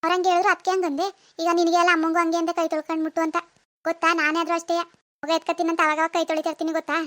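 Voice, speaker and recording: A young mother explains herself patiently in a rural Kannada village dialect, voiced by a woman for a cartoon. Her voice is high and her words come quickly. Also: flat delivery, a bit bright. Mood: explaining. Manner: pleading, explaining. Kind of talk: cartoon voice acting.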